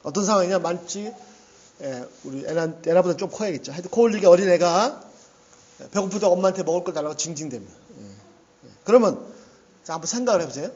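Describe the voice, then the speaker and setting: A male pastor preaches in a lively, conversational way, often dropping in a quick "yes." His voice sits high for a man. The lo-fi recording has a muffled, dull tone. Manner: animated and conversational, often saying "yes" and laughing. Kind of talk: sermon.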